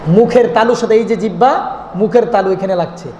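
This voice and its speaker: A male preacher giving a sermon. He often asks questions and answers them himself, and sometimes breaks into drawn-out chanted calls. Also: sits high, mellow, dull audio. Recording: echoey hall recording with faint noise.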